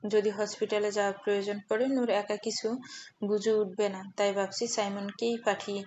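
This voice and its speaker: A woman voicing a worried middle-aged aunt who plans in a hushed, urgent way. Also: medium pitch, little pitch movement, moderate pace, highs cut off, a little hiss or hum, close to an everyday voice.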